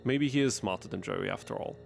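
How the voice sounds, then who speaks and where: A man's voice: fairly low pitch, brisk, gravelly, soft background music. Man narrating gameplay with wry asides. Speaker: gaming video narrator. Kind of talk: scripted gameplay commentary.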